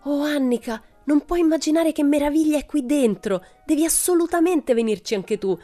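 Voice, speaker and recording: A woman voicing an eager, brave young boy in a storybook reading, excited and pleading. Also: high-pitched, a little fast, soft background music, pitched above the performer's own voice.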